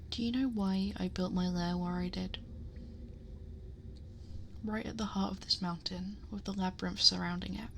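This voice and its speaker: In an ASMR roleplay, a woman plays a possessive, worried dragon girl protectively guarding her hoard, fussing and gently scolding in soft, breathy tones and frequent whispers. Her voice is on the low side, recorded on a close binaural mic with slight background noise.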